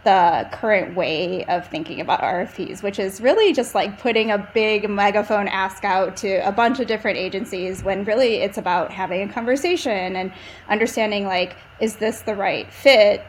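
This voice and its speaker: A woman's voice: mid-range voice, moderate pace, poor audio. Woman, interview guest, mid-range voice, chatty, fillers, faint background noise. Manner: chatty, thinks aloud with many fillers. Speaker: agency co-founder, guest. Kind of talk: casual interview chat.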